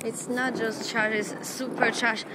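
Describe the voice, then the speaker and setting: A young woman vlogs into a handheld camera on a city street at night during fireworks, chatting casually in non-native English full of fillers. Her voice is fairly high, flat and at normal speed, competing with loud street noise, traffic and fireworks bangs.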